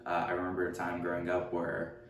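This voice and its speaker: A man's voice: low-pitched, completely flat delivery, fast talker, music in the background. A man in his twenties from California, answering interview questions at home in a hesitant way, with many fillers and restarts. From Richmond, California. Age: 20s. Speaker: documentary interviewee. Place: room at home, seated. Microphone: far camera mic. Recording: roomy echo, distant mic, faint hum.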